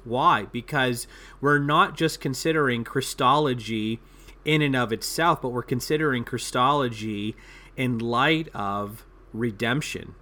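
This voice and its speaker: A man with a bright, forceful voice, talking through theology on a discussion panel. He explains slowly and thoughtfully, with plenty of fillers and restarts. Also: medium pitch.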